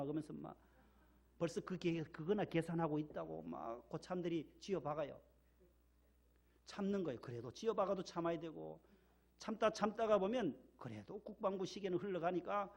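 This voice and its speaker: Male Korean pastor, slightly high gravelly voice, emphatic repeating sermon delivery. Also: darkish tone. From Gyeongsang region, Korea. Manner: emphatic, repeats key words, leads call-and-response. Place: church sanctuary.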